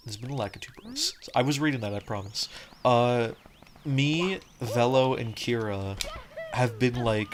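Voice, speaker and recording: A man giving casual, rambling commentary while he plays a game, full of "like" and restarts. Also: medium pitch. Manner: rambling, fills talk with "like", frequent restarts. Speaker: game streamer. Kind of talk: casual let's-play commentary. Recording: game music playing behind.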